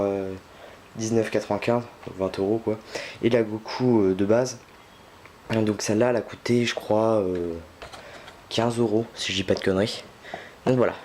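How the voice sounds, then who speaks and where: Young male vlogger, lowish voice, casual and halting, home camera recording with faint noise. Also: a little mellow. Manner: hesitant, many fillers and restarts. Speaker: unboxing vlogger. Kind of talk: casual unboxing commentary.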